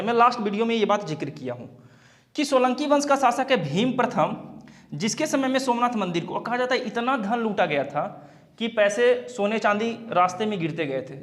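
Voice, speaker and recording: Male exam-prep teacher, high and animated voice, lecturing and quizzing his own points. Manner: explanatory, poses questions then answers them. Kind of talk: classroom lecture.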